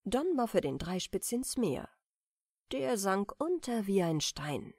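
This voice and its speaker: A woman audiobook reader telling a bedtime fairy tale in a calm, expressive way. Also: mid-range voice, takes it slowly, no echo, studio quality.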